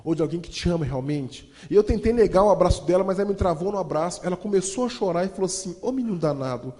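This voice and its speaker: A Brazilian man with a Brazilian Portuguese accent telling his life story as a motivational speaker, lively and addressing the audience directly. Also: high-pitched, quick pace. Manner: lively, acts out voices, addresses audience as "gente". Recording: long hall reverb.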